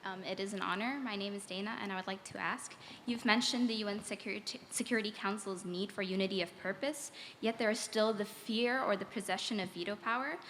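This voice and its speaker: A woman's voice: medium pitch, fairly quick, hardly any pauses, a bit bright, a little hiss or hum. A teenage female student reading a formal question from notes at a stand mic in an auditorium. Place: large lecture auditorium.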